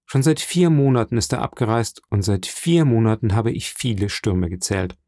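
A man's voice: normal speed, warm tone, no echo, studio quality, close to an everyday voice. A man reading an audiobook, voicing a poor but proud young woman in a raised, earnest voice. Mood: earnest, pleading. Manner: raised pitch, earnest pleading tone.

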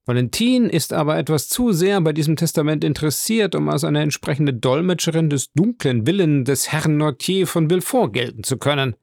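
A man's voice: on the high side, animated, a little fast, creaky, hardly any pauses, a little mellow, dry recording, clean studio sound, voice pushed up. A man voicing a cool, sceptical middle-aged magistrate in a read-aloud story, formal in his speech.

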